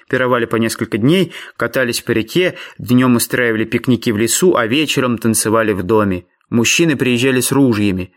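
Male audiobook narrator, middle pitch, calm and even first-person storytelling.

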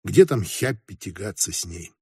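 Man narrating an audiobook, dark husky voice. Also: deep voice, expressive, normal speed, dry recording, clean studio sound.

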